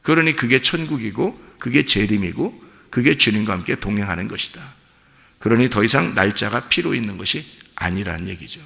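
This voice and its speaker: A male pastor preaches in a church sanctuary, and his voice is gravelly and bright. He keeps turning to the congregation with rhetorical questions. A long hall reverb trails behind his words. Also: lowish voice, expressive, fairly quick. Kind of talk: sermon.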